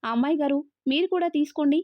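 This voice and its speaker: A loyal, outspoken housemaid, voiced by a woman storyteller, respectful yet blunt with her opinions. She is pitched a little lower than the narrator's usual voice, and the recording is dry and dull. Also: fast, no echo, close to an everyday voice. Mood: deferential.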